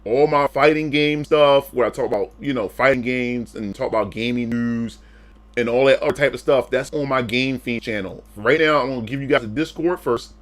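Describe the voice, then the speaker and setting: This live streamer chats with his audience in a relaxed, meandering way, often restarting sentences and repeating himself. His voice is medium-pitched at normal speed, with no echo.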